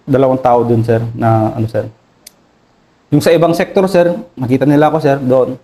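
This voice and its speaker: A Filipino army officer with a Filipino accent, recounting combat in an interview, deferential and halting, adding "sir" to nearly every phrase. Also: male voice, medium pitch, warm tone, poor audio. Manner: deferential, says "sir" constantly, halting with many fillers. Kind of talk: interview storytelling.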